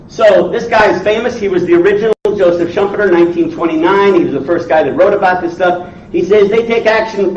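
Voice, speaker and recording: A man in his sixties giving an informal, blunt lecture to a class, teasing and quizzing his listeners in salty language. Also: high-pitched. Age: 60s. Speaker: entrepreneur lecturer. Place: indoor teaching room with audience. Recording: echoey room, distant mic, dull, faint noise.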